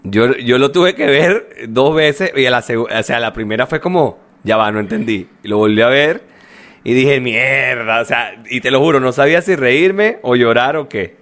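Animated Venezuelan man, lively pitch. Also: moderate pace. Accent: Venezuelan Spanish. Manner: animated storyteller, acts out quoted voices, laughs often. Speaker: podcast co-host. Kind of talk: casual chat.

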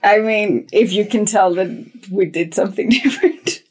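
A young woman co-hosts a podcast, chatting casually and enthusiastically and laughing often. Her mid-range voice is husky and moves at a moderate pace.

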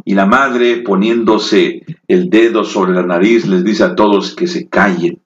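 Male preacher, low voice, slow heartfelt sermon delivery, roomy muffled recording. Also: fairly even intonation. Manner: slow, emotive storytelling with rising dramatic peaks. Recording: echoey, dull lo-fi room.

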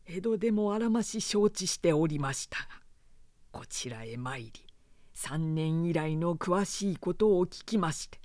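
A man's voice: on the high side, expressive, unhurried, a little mellow, no room sound. A reader voicing a loyal samurai retainer, a man who speaks formally and deferentially yet presses his lord hard.

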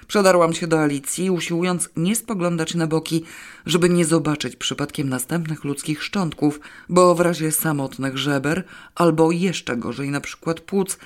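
A woman narrating a first-person novel as an audiobook, wry and expressive. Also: low-pitched.

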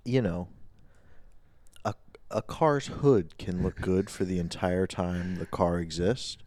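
A man's voice: sits low, fairly even intonation, slow, a little mellow, no room sound. A young man co-hosting a podcast, telling stories and tossing out joking quips. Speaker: podcast co-host. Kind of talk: casual chat.

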